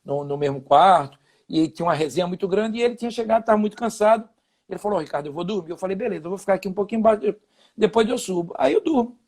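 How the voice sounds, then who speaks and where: High-voiced man telling lively stories. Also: racing. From Brazil. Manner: animated anecdote telling with laughs and quoted dialogue. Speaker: guest, former footballer. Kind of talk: casual interview storytelling.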